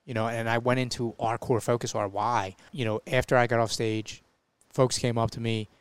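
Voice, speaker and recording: A man's voice: mid-range voice, level tone, moderate pace, clear, resonant tone, dry recording. A man in his thirties, a podcast guest in casual conversation, emphatic and repeating his points for weight. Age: 30s. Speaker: podcast guest, brand co-founder.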